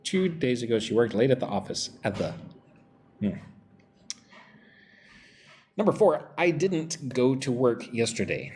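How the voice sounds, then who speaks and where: Energetic man teaching English pronunciation. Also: medium pitch, measured pace, pauses often, a little hiss or hum. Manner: energetic, reads chat messages aloud. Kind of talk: live-stream pronunciation lesson.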